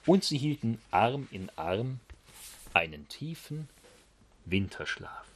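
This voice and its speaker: A man reading a rhyming children's story aloud in an expressive, sing-song manner. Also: medium pitch, slow.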